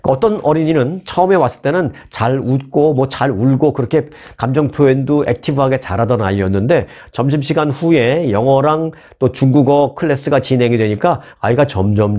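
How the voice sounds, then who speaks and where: A man talks through the day's news in a loose, conversational way, tossing in quick asides as he retells each story. His voice is mellow and warm, sitting at an ordinary middle pitch. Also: lively intonation, highs cut off. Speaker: news commentator. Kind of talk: casual news commentary.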